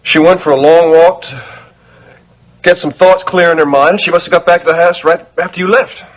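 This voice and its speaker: An actor playing a hesitant rancher who pauses as he talks, in a 1980s soap opera. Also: on the high side, natural voice, rough recording. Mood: uneasy. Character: rancher Max.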